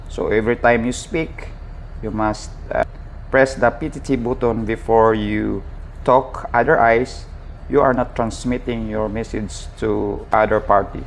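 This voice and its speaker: On a ship's bridge, a seaman with a Filipino accent and a fairly low voice gives an informal, hands-on equipment tutorial. He speaks haltingly, repeats himself, and addresses viewers casually. Ambient background noise is clearly audible.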